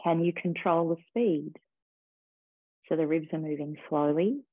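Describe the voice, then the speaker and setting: A woman teacher slowly guiding a breathing and body-awareness meditation in a calm, soothing way. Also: low-pitched, no echo. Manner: slow, calm, soothing guidance. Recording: tinny phone-like sound.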